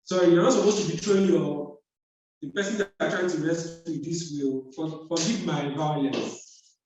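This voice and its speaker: Higher-pitched male trainer in an echoey room. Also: fairly even intonation, moderate pace, darkish tone. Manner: instructive, repeats key points. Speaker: first aid trainer. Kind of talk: live hands-on demonstration, narrating each step. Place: indoor room, speaking away from the mic. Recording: echoey room, distant microphone.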